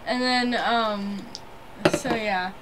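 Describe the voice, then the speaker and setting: A woman's voice: on the high side, drawn-out words, background noise. A young woman co-hosting a casual book discussion, giggly and chatty, loosely summarizing the story. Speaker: podcast co-host reading a book.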